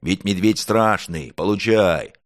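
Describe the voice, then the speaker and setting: A man's voice: deep voice, expressive, measured pace, no room sound, clean studio sound, pitched above the performer's own voice. A man voicing a trembling, timid little hare in a storybook. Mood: jumpy. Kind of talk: storybook reading.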